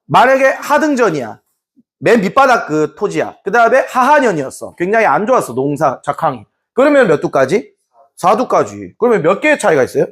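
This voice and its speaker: A man with a high-pitched, brisk voice gives a lively Korean history lecture in class. Now and then he acts out short scenes using put-on voices.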